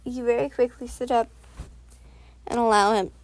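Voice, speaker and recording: A woman narrating a second-person audio story in a soft, unhurried read, now and then correcting herself. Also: on the high side, steady tone, no room sound.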